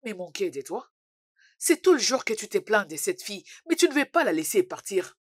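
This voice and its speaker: A brazen, self-assured young mistress in a dubbed drama. Her pitch swings freely as she talks with flippant boldness, recorded dry and close. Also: very animated, fairly quick, no room sound. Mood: teasing. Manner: flippant, bold.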